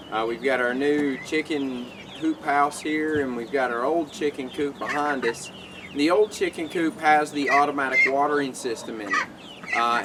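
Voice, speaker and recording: A man casually explaining a homemade chicken-watering project outdoors by a coop, relaxed and rambling with lots of fillers. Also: medium pitch. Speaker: homesteader showing a DIY build. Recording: outdoor noise, distant mic.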